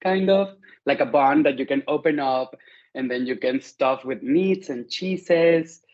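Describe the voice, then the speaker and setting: A man's voice: mid-range voice, measured pace, darkish tone. Chatty Venezuelan-born man, dull audio. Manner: friendly, chatty, many "like" fillers. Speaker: interview guest. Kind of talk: casual interview conversation.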